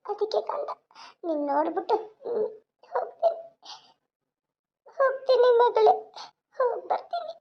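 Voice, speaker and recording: A woman voicing a young mother and police officer, tearful and tender as she says goodbye. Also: very high-pitched. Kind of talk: cartoon voice acting. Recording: dull lo-fi sound.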